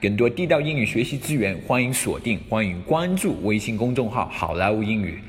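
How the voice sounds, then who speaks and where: A man's voice: lowish voice, very animated, fairly quick. Man teaching English, echoey sound. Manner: explains step by step, many fillers. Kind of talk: spoken English lesson. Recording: long room reverb.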